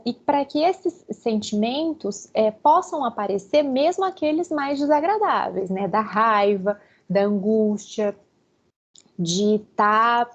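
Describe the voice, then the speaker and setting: A woman psychologist giving a conversational talk to teachers, often checking in with her listeners and acting out everyday remarks. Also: a little high. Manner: chatty, keeps checking in with listeners and acts out quoted remarks. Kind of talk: conversational lecture. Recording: dull lo-fi recording.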